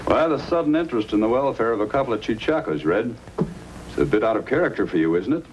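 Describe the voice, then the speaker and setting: An actor playing a firm, helpful Mountie sergeant in an old-time radio drama. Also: male voice, mid-range voice, expressive, fast talker, noisy background, lightly acted. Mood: probing, firm. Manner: commanding, questioning, firm. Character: authoritative, helpful male Mountie sergeant of the Yukon.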